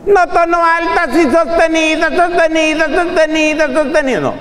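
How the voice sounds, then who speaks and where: A preacher slips into an exasperated husband, mocking the endless drone of nagging in a squeaky, piercing voice. The words repeat in a taunting singsong. A long reverb trails each phrase. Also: male voice, steady tone, normal speed, a bit bright, slight background noise. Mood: exasperated mockery. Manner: shrill, repetitive, mocking singsong.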